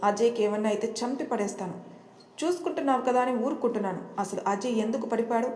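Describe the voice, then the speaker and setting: A woman voicing a harsh, jealous elder sister who threatens and shouts in an audio story. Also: on the high side, fast talker, natural voice. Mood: furious. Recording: roomy echo.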